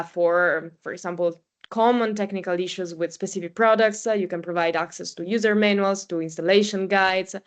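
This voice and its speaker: Woman hosting a tech podcast. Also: mid-range voice. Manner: measured, with many ums. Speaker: podcast host. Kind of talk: scripted podcast intro and summary.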